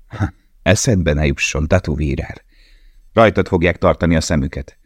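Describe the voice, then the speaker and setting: A man's voice: a bass voice, husky, no room sound, clean studio sound. A man reading the part of a blunt, mocking male camp guard in a storybook. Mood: sardonic.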